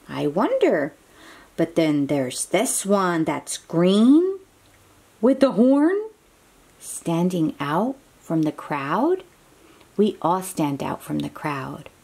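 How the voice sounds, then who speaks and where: Her voice mellow and soft-edged yet slightly rough, a woman slowly reads a children's picture book with lively pitch shifts. She chats with a small child as she goes, encouraging, exclaiming and posing questions in friendly asides.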